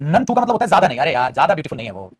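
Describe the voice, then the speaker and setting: A man teaching English grammar in a fast classroom style, repeating phrases and calling students "beta". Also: fairly high pitch, sing-song, husky.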